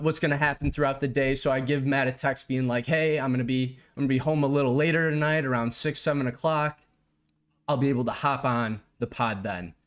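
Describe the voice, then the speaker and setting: A young man co-hosting a podcast, spinning a casual story with animated exasperation. His voice sits at a middling pitch, and he talks in a loose, everyday way. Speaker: podcast co-host.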